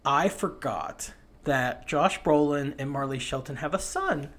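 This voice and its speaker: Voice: mid-range voice, measured pace, a bit bright. A podcast co-host talking casually about a film, blunt, swearing freely and laughing often.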